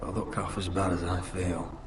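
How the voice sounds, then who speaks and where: An actor playing a gravely wounded young lord in a video game, a stoic, protective older brother who speaks in a subdued, resolute way. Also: male voice, deep voice, flat delivery, moderate pace, reverberant, distant mic, noisy background, natural voice. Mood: wry, pained.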